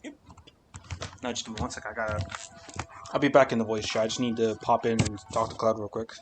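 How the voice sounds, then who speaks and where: A man's voice: fairly low pitch, flat delivery, fast talker, background noise. A man live-streaming a video game, chatting in an easygoing way with friends in voice chat.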